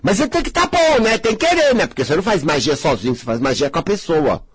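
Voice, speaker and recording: A man's voice: a little high, very animated, fast, a bit bright, husky, no room sound. A man in his sixties from Brazil, a spiritual healer talking casually and bluntly, acting out the voices of others. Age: 60s.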